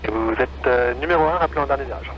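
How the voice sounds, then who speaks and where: A man's voice: mid-range voice, fast. A man working as an air traffic controller, heard over an aircraft radio and speaking in clipped, formal radio phrases. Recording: muffled radio with loud noise.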